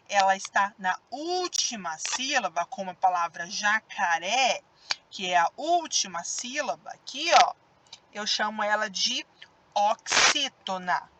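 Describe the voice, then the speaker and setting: A woman's voice: mid-range voice, very noisy. A woman teacher with a Brazilian Portuguese accent giving a recorded grammar lesson for children, drawing out stressed syllables as she demonstrates words.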